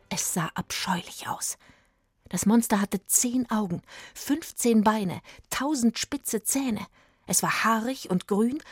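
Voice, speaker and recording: A woman reading a children's story aloud with lively expression. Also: mid-range voice, husky, dry recording, studio quality. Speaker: story reader.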